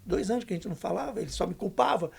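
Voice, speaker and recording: An older man tells his story as a podcast guest in a gravelly voice. He speaks emphatically and uses a lot of slang. When he quotes others, his voice sinks to a hush. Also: sits high, animated, very fast. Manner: emphatic, slangy, dips to a hushed voice for quoted lines. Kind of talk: storytelling testimony.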